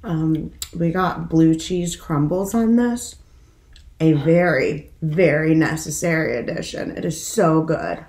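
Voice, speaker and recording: A woman's voice: low voice, slow pace, darkish tone, roomy sound. A woman co-hosting a casual mukbang eating show, upbeat and enthusiastic. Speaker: mukbang co-host.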